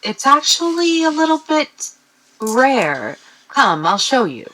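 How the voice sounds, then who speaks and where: A woman voicing a calm, knowing female adventurer in a tabletop game, gently explaining. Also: high-pitched, slow, voice pushed up, heavily acted, poor audio.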